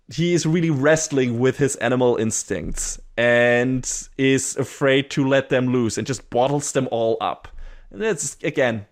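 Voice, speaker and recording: Swearing, rambling man on a podcast. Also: medium pitch. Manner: rambling, swears casually, laughs often. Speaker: podcast co-host. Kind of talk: casual podcast chat.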